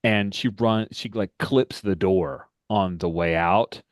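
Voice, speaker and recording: A man's voice: deep voice, takes it slowly, dry recording, studio quality. A man playing a tabletop game online, hesitant and asking questions while describing his character's actions. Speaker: player. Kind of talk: tabletop roleplaying chat.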